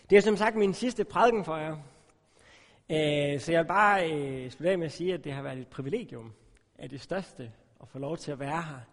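A man giving a relaxed, joking sermon with many filler sounds as he tells a personal story. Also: on the high side, vocal fry. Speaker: preacher. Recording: long reverb of a large hall.

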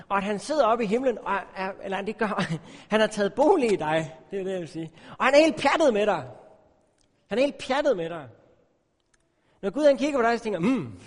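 A man giving a relaxed, joking sermon with many filler sounds as he tells a personal story. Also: high voice, creaky. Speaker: preacher. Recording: long reverb of a large hall.

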